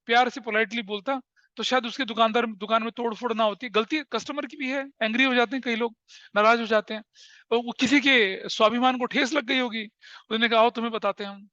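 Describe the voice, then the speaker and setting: A man with a very high, bright voice lectures a class, switching between Hindi and English. He tells lively anecdotes and laughs at them. The sound is dry and a little dull, like a lo-fi classroom recording. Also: brisk, dry recording. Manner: lively storyteller, laughs at his own anecdotes. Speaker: commerce teacher.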